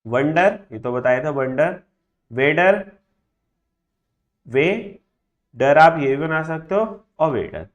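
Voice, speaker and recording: A man teaching a shorthand class who says each word slowly and more than once, and often stops with a quick question to check that the students are following. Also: on the high side, lively intonation, lo-fi sound. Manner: drills words by repeating them slowly, checks understanding with frequent tag questions. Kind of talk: classroom lesson.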